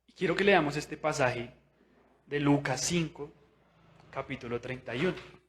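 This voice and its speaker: Young guy preaching at church, kinda high voice, chatty, keeps going "no?" and acting stuff out. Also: normal speed, slight background noise. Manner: conversational, with tag questions; animated, acts out inner voices. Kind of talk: sermon.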